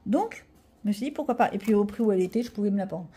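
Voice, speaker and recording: A woman's voice: medium pitch, lively intonation, racing, warm tone, slightly rough. A middle-aged woman chatting casually to her viewers as she shows off a haul, rambling with self-mocking asides. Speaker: vlogger showing a coloring-book haul. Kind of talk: casual chat to camera.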